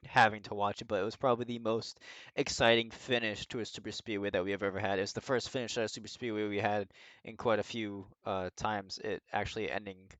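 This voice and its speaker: Smooth-voiced man, rambling podcast co-host. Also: fairly low pitch, a little fast, no echo, dull audio. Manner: rambling, animated, swears freely. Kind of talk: casual podcast chat.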